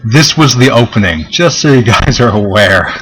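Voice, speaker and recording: A man's voice: mid-range voice, animated, moderate pace, background noise. A man running a tabletop game as game master, narrating casually in a hesitant, chatty, jokey way. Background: background game music.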